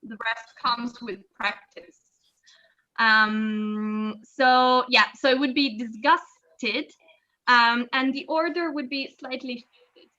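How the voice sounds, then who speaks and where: A woman teaching English on a video call, patient and explaining slowly with many fillers. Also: on the high side, steady tone, pushed and bright, dull audio. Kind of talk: online language lesson.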